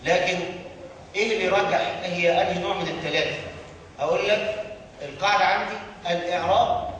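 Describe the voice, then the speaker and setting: A man with an Egyptian Arabic accent and a high voice teaches grammar, prompting his students with questions they answer aloud. He is recorded from a distance in a large, reverberant hall. A faint room ambience sits underneath. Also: steady tone, fast talker, a bit bright, slight background noise. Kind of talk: grammar lesson to a class. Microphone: distant room mic. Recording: echoey hall from far off.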